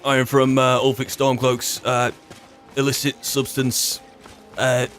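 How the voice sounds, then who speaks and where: With game music behind him, a British man gives wry, casual in-character commentary while playing a fantasy game, muttering to himself as he roleplays. His mid-range voice is a bit bright, delivered completely flat at a measured pace.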